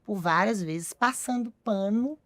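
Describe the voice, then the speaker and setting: A woman's voice: mid-range voice, measured pace, no echo. A woman from Brazil hosting a podcast, chatting and prompting her guest. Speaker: podcast host. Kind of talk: casual podcast conversation.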